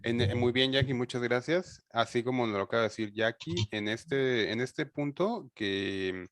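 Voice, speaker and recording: A man's voice: medium pitch, moderate pace, heavy background noise. A man teaching a class over a video call, explaining conversationally with many fillers and restarts.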